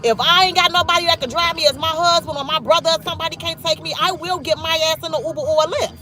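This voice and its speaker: A woman's voice: extremely high pitch, steady tone, fast talker, music in the background. A woman in her thirties from Chicago with a Chicago accent, chatting bluntly and profanely on a livestream while she drives, reading viewers' comments aloud. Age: 30s. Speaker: livestreaming vlogger. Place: in a car.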